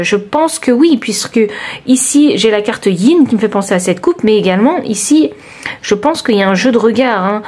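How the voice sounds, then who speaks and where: A woman giving a chatty, expressive tarot reading, talking straight to her listeners and exclaiming over the cards. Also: medium pitch. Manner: addresses listeners directly. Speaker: tarot card reader. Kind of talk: informal tarot reading to camera.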